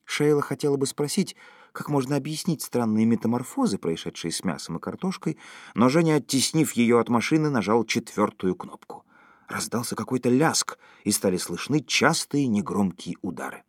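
A man's voice: mid-range voice, expressive, moderate pace, no room sound, studio quality. A man reading a story aloud as an audiobook narrator, telling it expressively.

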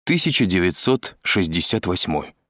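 A man's voice: low voice, sing-song, normal speed, sharp tone, no echo, clean studio sound, full character voice. A man reading aloud as an insolent, brazen male detainee answering with smirking replies. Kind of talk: audiobook reading.

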